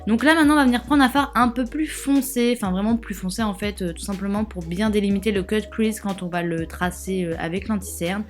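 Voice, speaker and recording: A woman's voice: medium pitch, fairly even intonation, a little fast, hardly any pauses, faint music behind. A young woman casually narrating a makeup tutorial, rambling with lots of fillers and joking asides. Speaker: beauty vlogger.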